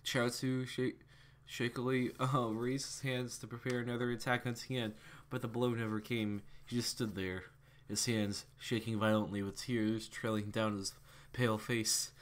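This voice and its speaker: A young man reads fan fiction aloud in a casual way, tripping over words, correcting himself, and chuckling to himself along the way. His voice is mid-range, with a level tone and a moderate pace.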